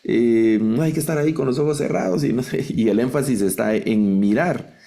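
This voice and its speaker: A man's voice: medium pitch, normal speed, creaky, mellow. A man lecturing in an online Bible translation class, explaining patiently and often ending points with a rhetorical question tag.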